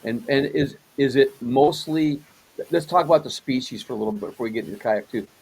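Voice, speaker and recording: A man's voice: mid-range voice, fast, gravelly, a little mellow, husky, low-quality recording. A man hosting a casual interview, rambling a little, often repeating words and restarting his questions. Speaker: host.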